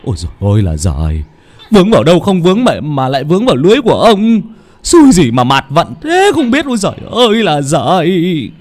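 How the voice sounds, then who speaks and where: A man's voice: on the high side, huge pitch swings, fairly quick, a little mellow, voice pushed up. Man doing a panicked old fisherman. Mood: cursing. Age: 60s. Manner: panicked, stammering, wailing.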